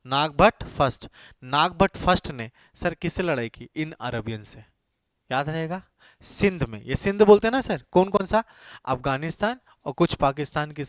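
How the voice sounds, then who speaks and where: Heard up close in a dry, echo-free recording, a man with a high, light voice coaches students for exams. He fires a question at them repeatedly before giving the answer himself, and he mixes English phrases into what he says.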